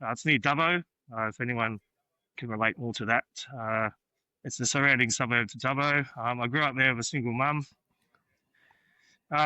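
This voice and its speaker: A young Australian man from New South Wales, a graffiti artist appearing as a podcast guest, speaks in a pushed, bright mid-range voice. The recording is dry and rough, and he chats easygoingly about where he grew up in a casual interview, with many ums and uhs.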